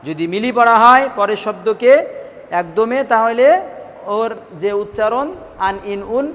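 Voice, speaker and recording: A man's voice: high voice, a little slow, fairly bright tone, big-room sound. A man teaching Quran recitation rules in a classroom, asking his students questions, repeating the answers and drawing out syllables as a drill. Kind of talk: classroom lesson.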